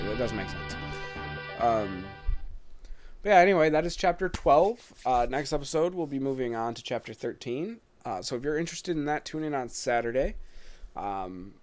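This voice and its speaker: Man in his late twenties, relaxed gameplay host, meandering and filler-heavy, medium pitch, clear game music bed. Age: 20s. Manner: rambling, lots of ums and uhs. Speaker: let's play host. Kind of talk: casual gameplay commentary. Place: at home during quarantine. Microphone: webcam setup.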